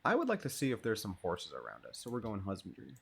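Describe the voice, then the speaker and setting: A man's voice: fairly low pitch, huge pitch swings, fast talker, vocal fry, a bit bright, husky. A man hosting his own gaming channel, giving laid-back, self-deprecating gameplay commentary and swearing freely as he plays.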